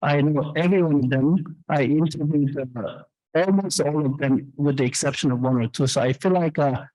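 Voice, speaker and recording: A startup founder and CEO from South Korea, a man in his fifties, takes audience questions on stage at an event, his candid, rambling answers filled with fillers and restarts. His voice is mellow and on the high side, and he speaks at a moderate pace. The low-quality recording has no echo.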